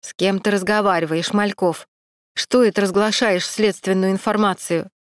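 Женщина изображает хриплого басовитого начальника. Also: female voice, fairly even intonation, moderate pace, dry recording, clean studio sound, close to an everyday voice. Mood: stern. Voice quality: muffled hoarse bass. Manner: stern, demanding. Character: investigator's boss, man with muffled hoarse bass.

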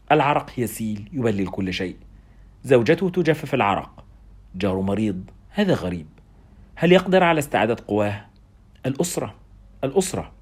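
A man tells a story aloud with dramatic flair. His voice is husky and quick, and his pitch rises and falls in lively swings. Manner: dramatic storytelling, first person. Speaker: narrator. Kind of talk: audiobook narration.

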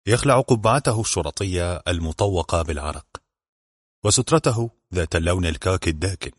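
A man reads a novel aloud in a very low, husky voice. His narration is measured and literary. The sound is dry and close, with no room echo. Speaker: audiobook narrator. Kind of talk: scripted audiobook narration.

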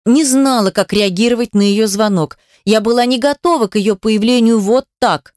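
A woman reading a novel aloud in first person, in a steady, measured way. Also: a little high, no room sound, clean studio sound. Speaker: audiobook reader.

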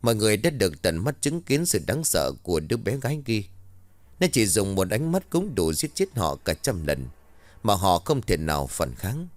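A man narrating a scripted horror story, telling it in a lively way with dramatic swings in his voice. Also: on the low side, dry recording. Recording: dry close mic with faint music bed.

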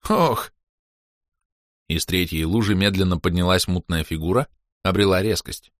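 A man's voice: sits low, fairly even intonation, brisk, no echo, studio quality. A man narrating a fantasy audiobook expressively, acting out the dialogue.

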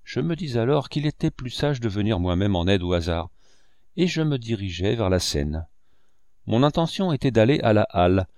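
Low-voiced male audiobook narrator. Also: big pitch swings, a little mellow, no room sound, clean studio sound. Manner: measured storytelling.

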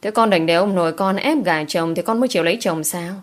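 A woman's voice: fairly low pitch, fast talker, lightly acted. A woman voicing a stern middle-aged countryside mother who scolds her daughter firmly. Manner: firm, scolding.

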